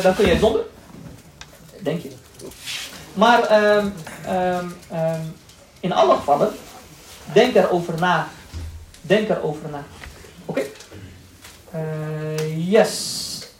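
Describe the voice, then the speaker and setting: A man giving a lively lecture to a class, quick and joking, acting out the people in his stories. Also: high voice, creaky. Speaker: Islamic lecturer. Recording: echoey room, voice from a distance, faint noise.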